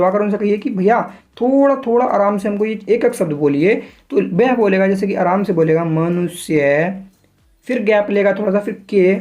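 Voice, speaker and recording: Man slowly teaching Hindi shorthand. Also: high voice, a little mellow. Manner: explains step by step, checking in often; sounds out words slowly while demonstrating. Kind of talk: spoken lesson.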